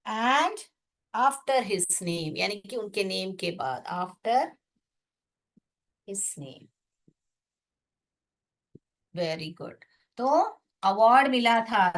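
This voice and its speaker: A woman teaching English in an online class, explaining in Hindi with an Indian accent, spelling words out and calling students beta. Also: a little high.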